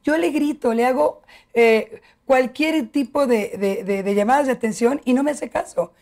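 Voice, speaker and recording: A woman's voice: high-pitched, normal speed. A middle-aged woman, a family education expert, explaining patiently as a guest on a TV talk show. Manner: warm, didactic, addresses host by name.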